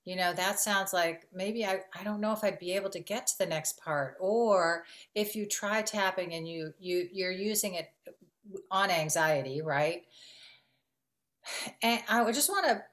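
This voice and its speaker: A woman's voice: mid-range voice, measured pace, a bit bright. A woman hosting a podcast, explaining tapping to listeners in a casual, affirming way. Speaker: podcast host.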